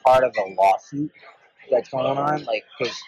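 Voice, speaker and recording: Anonymous prisoner source, disguised deep voice, husky and muffled, played as a lo-fi clip. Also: unhurried, a little mellow, dry recording. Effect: disguised deep voice, pitched down.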